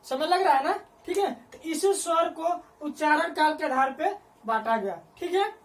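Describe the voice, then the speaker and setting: High-pitched woman teacher, slow repetitive dictation to a class, mic set back from her. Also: lively intonation. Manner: repeats phrases slowly for students to write down; asks the class questions and answers them herself. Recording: voice picked up from a distance.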